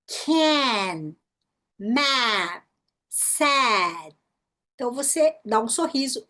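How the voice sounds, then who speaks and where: A Brazilian woman with a Brazilian Portuguese accent teaching English pronunciation in an online workshop, explaining patterns and demonstrating words slowly, often checking in with the listener. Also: fairly high pitch.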